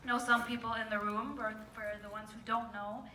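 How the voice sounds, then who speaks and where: A woman's voice: on the high side, level tone, moderate pace, bright, forceful tone, recorded from a distance, slight background noise. A young woman from Egypt giving a casual, self-deprecating conference talk about her fieldwork, full of ums, a little jet lagged. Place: large conference hall. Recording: echoey hall, voice off-mic.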